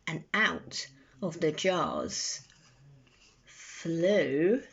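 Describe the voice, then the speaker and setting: A young adult woman with a deep voice and some vocal fry reads a children's bedtime story, slow and animated in her phrasing. It was recorded in a bedroom on a phone at arm's length, with slightly dull sound quality.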